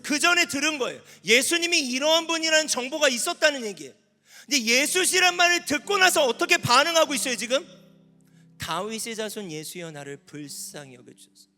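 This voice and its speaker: A male pastor preaches to a youth camp in an animated, lively way, his pitch swinging widely as he questions the crowd. His voice sits high and sounds very bright. It carries a long hall reverb, with faint instrumental music underneath. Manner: animated, questions the audience, rising to shouts.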